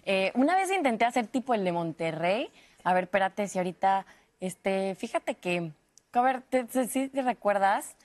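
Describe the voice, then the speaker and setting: A young woman from Venezuela, a guest in a TV interview, talking in a lively way with fillers and restarts. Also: mid-range voice, moderate pace. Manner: lively, laughs often, full of fillers and restarts. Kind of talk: TV interview, switching between imitated accents.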